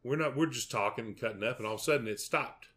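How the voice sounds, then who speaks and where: A man's voice: medium pitch, fast talker, a bit bright. A middle-aged man with a Southern US accent and a folksy drawl, chatting casually as a podcast co-host. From southern United States.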